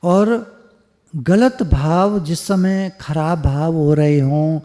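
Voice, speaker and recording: एक पुरुष आध्यात्मिक वक्ता सत्संग में बातचीत के अंदाज़ में प्रवचन देता है, हल्के मज़ाक के साथ और बीच बीच में अंग्रेज़ी शब्द मिलाकर।. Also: male voice, fairly high pitch, drawn-out words, dark tone. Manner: conversational, joking, mixes English words. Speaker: spiritual speaker. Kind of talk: devotional satsang discourse. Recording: long hall reverb.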